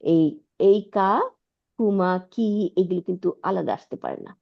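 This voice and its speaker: A woman's voice: lowish voice, moderate pace, gravelly, highs cut off. A woman teaching an Arabic lesson online, patiently repeating words and checking that her student follows.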